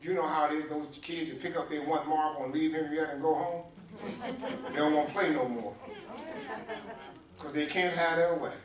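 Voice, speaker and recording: A man's voice: a little high, fairly even intonation, normal speed, long pauses. Preaching man in an echoey sanctuary. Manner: call-and-response preaching, addressing congregants by name. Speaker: pastor. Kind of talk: sermon. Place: church sanctuary. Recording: roomy echo, distant mic, faint hum.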